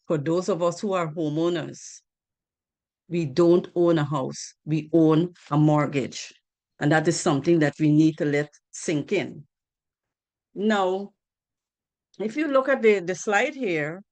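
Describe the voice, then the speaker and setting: Presenting on financial literacy during a group video call, this Guyanese woman speaks in a lowish voice. Her tone is earnest, and she keeps returning to key points and asking rhetorical questions.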